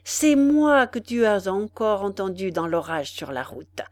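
A woman's voice: medium pitch, very animated, measured pace, darkish tone, dry recording. A woman voicing a small, menacing wild man who speaks in a grim, mocking, threatening way. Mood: accusing.

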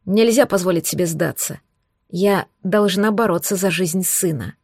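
A woman narrating a first-person audiobook in an expressive, tense storytelling manner. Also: fairly low pitch, moderate pace, slightly rough, no room sound, studio quality.

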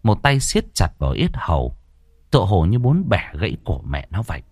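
A man's voice: sits low, huge pitch swings, normal speed, a little mellow, slightly rough, no echo. A man narrating a scripted horror story in a dramatic storytelling manner.

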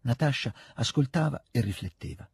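A man with an Italian accent reading a classic novel aloud, measured and expressive, with a husky voice. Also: mid-range voice, dry recording. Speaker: audiobook reader.

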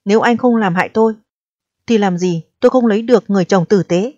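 Reading from a storybook, a woman plays a proud, distressed eighteen-year-old who is pregnant, pleading and reproaching in a mellow voice at a quick pace, her words growing shrill when she gets upset. The performance is lightly acted, and the audio is dull and dry with no room sound.

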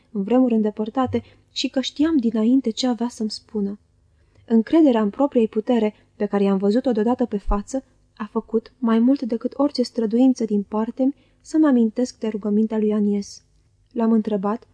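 A woman reads a classic novel aloud in a measured, expressive first-person narration. Her voice is mellow and a little high, recorded close and dry. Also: no room sound. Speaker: audiobook reader. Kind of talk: literary audiobook narration.

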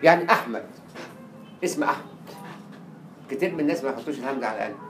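A man with an Egyptian Arabic accent giving a lecture on Arabic writing. He is animated, acts out quoted dialogue and repeats words to drill pronunciation. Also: mid-range voice, rapid-fire. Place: lecture hall. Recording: echoey lecture room with faint hiss.

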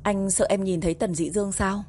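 A woman's voice: mid-range voice, fairly even intonation, fairly quick, warm tone, a little hiss or hum, close to an everyday voice. A woman reading a teasing young wife. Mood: tender. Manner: playful, teasing.

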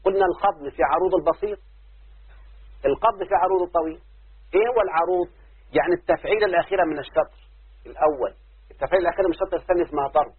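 Man, Egyptian accent, teacher, fairly high voice, checks students understand, phone-like lo-fi sound. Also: rapid-fire, long pauses, slightly rough. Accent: Egyptian Arabic. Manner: explains step by step, often checks understanding. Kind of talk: classroom lesson. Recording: phone-like lo-fi recording.

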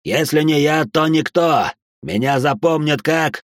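A man's voice: on the high side, a little slow, noisy background, voice pushed up, close to an everyday voice. A man voicing a vengeful old cult leader who growls and barks threats in an audio story. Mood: snarling threats.

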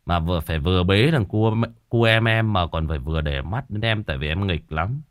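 A man's voice: low voice, brisk, no echo, clean studio sound. A man hosting a ghost-story show, chatting with listeners and reminiscing in a loose, repetitive way. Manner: chatty, animated when reminiscing, many repetitions. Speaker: ghost story podcast host. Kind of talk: casual reflective storytelling to listeners.

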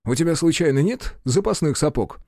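A man voicing a hot-tempered young nobleman who speaks in a loud, raised and indignant voice. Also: a little high, animated, a little fast, no echo, clean studio sound, pitched above the performer's own voice.

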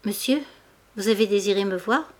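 A woman reading the lines of a young shop girl, calm at first, then pleading in broken phrases. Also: mid-range voice, normal speed, lightly acted. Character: young shop girl, gentle but firm.

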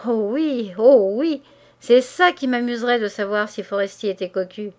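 A woman's voice: fairly high pitch, moderate pace, a little mellow, lightly acted. A woman voicing a jealous young husband who keeps pressing his wife with insistent questions, in an audiobook of a classic novel. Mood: insistent, teasing.

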